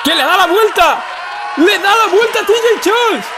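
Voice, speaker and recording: A man commentates on live wrestling. His voice is very high-pitched. The crowd and noise of the hall are clearly heard behind him. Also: animated, moderate pace. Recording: noisy sports hall with crowd.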